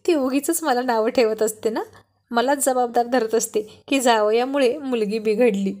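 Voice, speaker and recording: Woman reading as a cheeky young husband, joking banter, storybook reading, fairly high voice. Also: normal speed, a little mellow, natural voice. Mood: teasing. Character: playful teasing young husband.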